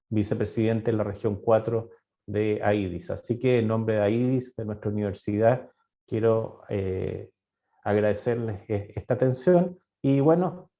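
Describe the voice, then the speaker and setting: A middle-aged Chilean university director gives a webinar presentation over a video call, hesitant and full of fillers and restarts. His lowish voice is mellow, and the online call audio is dull and lo-fi.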